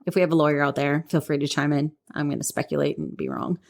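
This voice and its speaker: Low-voiced female co-host, giggly, rambling storyteller. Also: sing-song, fast talker, creaky. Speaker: podcast co-host. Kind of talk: casual chat.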